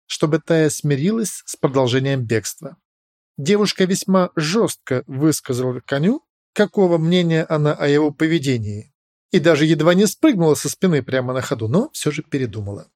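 A man reading fiction as an audiobook narrator, in a dramatic, expressive storytelling manner. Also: on the high side, no room sound, studio quality.

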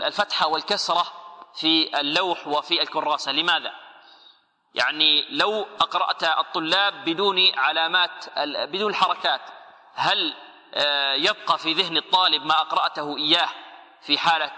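Bright-voiced male tajweed teacher. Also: a little high. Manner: asks the class questions, then answers them himself; slowly models each word and corrects errors. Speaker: Quran recitation teacher. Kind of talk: tajweed lesson. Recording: echoey hall with long reverb.

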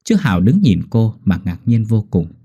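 Animated male storyteller. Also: on the low side, moderate pace, breathy edge, highs cut off. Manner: animated, expressive. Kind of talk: scripted story narration.

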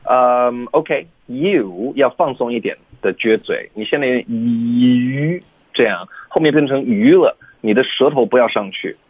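A male pronunciation teacher on a radio show, correcting students slowly and patiently, drilling single sounds. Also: medium pitch, lively intonation, husky, no room sound. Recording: tinny phone-line voice.

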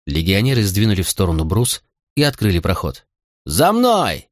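A man reading an audiobook aloud in steady, measured narration. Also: low voice, no room sound, studio quality. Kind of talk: scripted narration.

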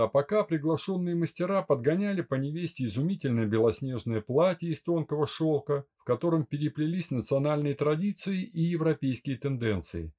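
A man narrating an audiobook in a steady storytelling manner. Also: on the high side.

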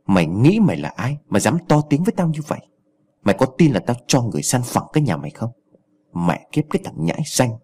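A man voicing an arrogant, bullying old village chief who sneers, insults and threatens, in a husky voice with wide swings of pitch. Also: big pitch swings, fast, darkish tone. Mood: furious.

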